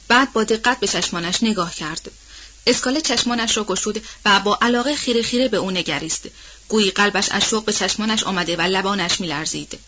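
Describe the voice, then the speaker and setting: Give me a woman narrating a novel in a measured voice, on a muffled audiobook track. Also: mid-range voice, pushed and bright. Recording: dull, muffled audiobook recording.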